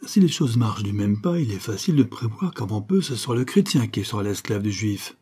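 A man's voice: on the low side, lively intonation, fairly quick, warm tone, breathy edge. A man reading aloud, voicing a middle-aged industrialist and deputy who reasons patiently and teases lightly. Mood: reasoning.

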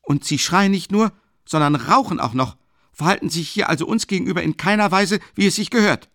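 A man's voice: high-pitched, a little fast, a bit bright, dry recording, studio quality, voice pushed up. A man reading an audiobook, voicing a feverish young male student who answers back in raised, indignant retorts.

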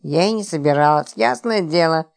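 A naive, indignant young wife in an audiobook, her voice rising high and sharp as she protests and exclaims, as a woman reader plays her. She sounds agitated and easily offended throughout. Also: moderate pace, gravelly.

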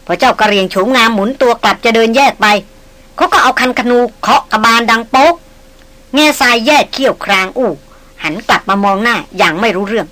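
Brief: female audiobook narrator, high voice, steady storytelling. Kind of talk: novel reading.

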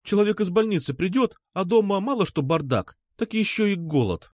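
A man voicing a brisk, teasing young woman who bosses around a classmate, with sharp mocking questions. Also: high voice, animated, no room sound, clean studio sound, pitched above the performer's own voice. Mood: bossy.

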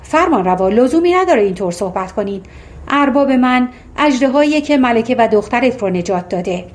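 A woman's voice: a little high, expressive, lightly acted. A woman voicing a male giant who carries a dragon's demands, blunt and threatening.

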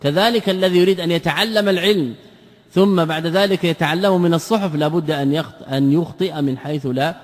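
A man's voice: fairly high pitch, quick pace, big-room sound. A man teaching a classroom lecture as an Islamic scholar, who explains, repeats his phrases and asks rhetorical questions.

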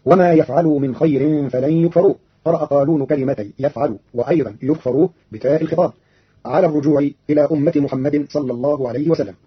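Brisk husky-voiced man, lo-fi radio. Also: on the high side. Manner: brisk formal reading, quotes verses in a chant. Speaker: radio presenter. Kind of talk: scripted explanation of reading variants. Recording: dull lo-fi radio broadcast.

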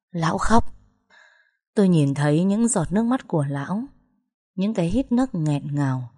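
A woman's voice: on the low side, mellow, dry recording, clean studio sound. A woman narrating a first-person dramatic story with emotional, tense storytelling.

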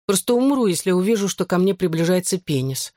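A reader voicing a skittish, quick-tempered teenage girl in an audiobook, with high excitable outbursts. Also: no room sound, studio quality, close to an everyday voice. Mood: flustered. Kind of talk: audiobook character voice.

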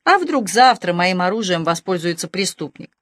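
A woman voicing a haughty, sharp-tongued rich woman who talks down to the police, with cutting sarcasm. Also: on the low side, big pitch swings, moderate pace, no echo, clean studio sound. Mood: imperious, sarcastic. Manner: sarcastic, imperious.

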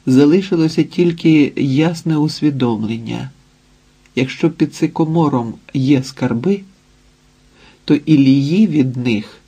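A man narrating a literary audiobook in a measured way, with dramatic pauses. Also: a little high, mellow, husky.

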